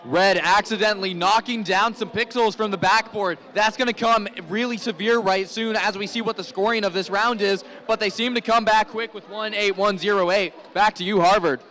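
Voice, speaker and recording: A high-voiced man with a bright, forceful edge calls a live competition. He works as a hype announcer, bouncing calls off a partner and addressing the crowd. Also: fairly even intonation, moderate pace, few pauses. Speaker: play-by-play event announcer. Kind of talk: live robotics competition commentary.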